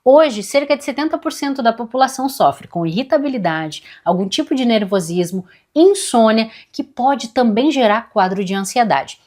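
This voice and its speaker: A woman presenting an upbeat scripted sales pitch. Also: expressive, moderate pace, hardly any pauses, darkish tone.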